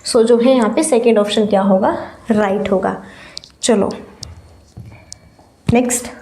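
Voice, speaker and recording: A woman teacher giving an exam-prep lesson while feverish, explaining slowly and repeating key words for stress. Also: medium pitch, dark tone, echoey room.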